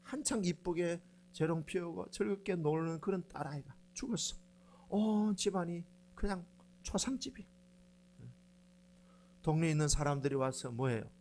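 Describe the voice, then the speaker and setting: A man's voice: a little high, normal speed, slight background noise. A middle-aged man preaching a sermon as pastor, telling stories and acting out quoted lines. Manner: animated storytelling, acts out quoted lines with dialect.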